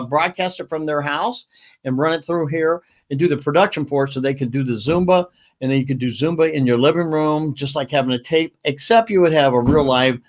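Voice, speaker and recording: A man hosting a casual livestream, talking in a rambling, upbeat way with quick asides. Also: fairly high pitch. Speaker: livestream host.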